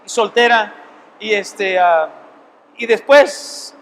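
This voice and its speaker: Here a middle-aged pastor leading a seminary Bible class questions his listeners in a forceful sermon manner. He speaks slowly in a high-sitting, fairly bright voice, with slight background noise and a long hall reverb.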